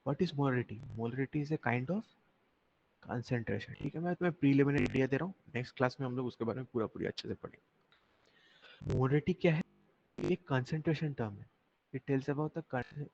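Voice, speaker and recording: A young man teaching chemistry in an online class, explaining slowly and repeating himself while he quizzes his students. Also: mid-range voice, expressive, vocal fry, a little mellow. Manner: slow, repetitive explaining, mixing Hindi and English, asking students questions. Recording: dull lo-fi audio with faint noise.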